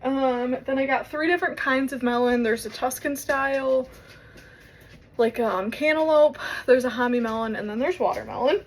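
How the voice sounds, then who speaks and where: A woman's voice: high-pitched, moderate pace. A young woman talking casually to her phone camera in a vlog, rambling along with lots of fillers. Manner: chatty, rambling with many fillers. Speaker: vlogger. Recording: noisy, with vehicle sounds.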